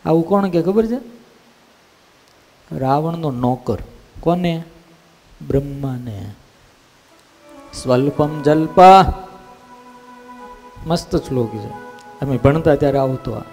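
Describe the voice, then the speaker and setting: A man giving a storytelling sermon as a swami in a temple, acting out voices with lively animation. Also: medium pitch, unhurried, long pauses. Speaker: swami giving a religious discourse. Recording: long temple hall reverb, faint music.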